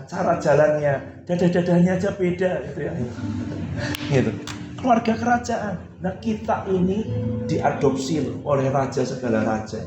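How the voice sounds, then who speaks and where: A man preaching a sermon as pastor, in an easygoing, conversational way, often tagging his sentences with "gitu ya". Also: on the high side. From Indonesia. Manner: conversational, repeats "gitu ya" a lot. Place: church hall. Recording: roomy hall with music behind.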